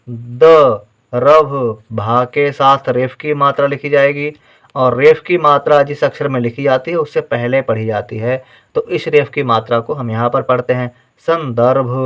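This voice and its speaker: A man's voice: mid-range voice, bright, forceful tone. A man teaching Hindi writing in a patient, step-by-step spelling lesson, sounding out each syllable and checking in with "theek hai" as he goes.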